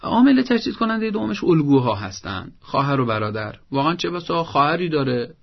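A man's voice: mid-range voice, vocal fry, breathy edge, lo-fi sound. A man giving parenting advice on a broadcast program, speaking in a firm, didactic way and explaining things step by step. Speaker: parenting advisor.

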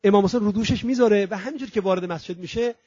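A man preaching a sermon with passion, swinging between loud and hushed, drawing out Arabic recitations slowly. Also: high voice, dry recording, dull audio. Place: religious centre hall.

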